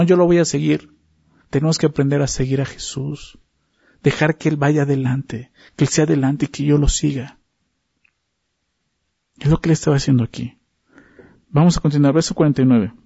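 Gravelly-voiced man preaching a Bible study. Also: on the high side, mellow, dry recording, highs cut off. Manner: conversational, asks frequent rhetorical questions; repeats words and restarts often.

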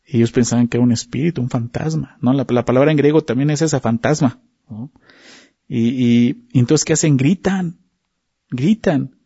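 A man with a gravelly, husky voice teaches a Bible passage in a conversational sermon, often stopping to ask rhetorical questions. His tone sits dark and mellow, and he repeats words and restarts his phrases. The recording is dull, dry and slightly muffled. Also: mid-range voice, fairly even intonation, fairly quick, no room sound. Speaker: preacher.

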